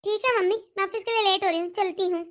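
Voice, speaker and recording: A woman's voice: very high-pitched, fairly even intonation, quick pace, fairly bright tone. A woman voicing a sensible young daughter-in-law in a cartoon, polite and reassuring. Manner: polite, reassuring, level-headed. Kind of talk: cartoon dialogue.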